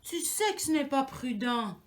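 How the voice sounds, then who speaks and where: A cautious father mouse from a children's story mutters warily to himself, as a woman with a Québécois accent puts him on. His voice sits a little high and moves slowly and carefully. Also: big pitch swings. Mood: scolding. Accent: Québécois French.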